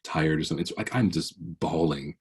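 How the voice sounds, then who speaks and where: A man's voice: extremely low pitch, a little fast, breathy edge. A man in his forties giving an earnest, preacher-like motivational keynote over a video call, often restarting his phrases. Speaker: keynote speaker.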